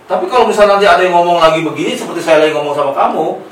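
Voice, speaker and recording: A man's voice: high-pitched, very fast. Man coaching a patient in an echoey room. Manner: gentle coaching, then plain explanation to parents. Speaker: therapist at a clinic. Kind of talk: clinical consultation with a patient and family. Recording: echoey room, mic at a distance, faint noise.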